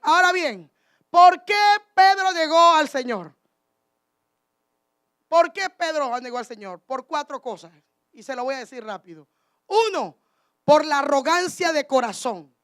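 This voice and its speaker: A woman's voice: high voice, fairly bright tone. A woman preaching a sermon, speaking emphatically and calling out to her congregation.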